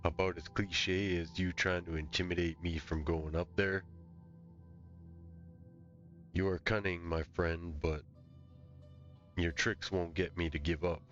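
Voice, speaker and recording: A man's voice: deep voice, little pitch movement, measured pace, pauses often, fairly bright tone, muffled recording, faint music behind. A man improvising in character as a fantasy game player, bantering in a folksy way. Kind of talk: improvised in-character role-play chat.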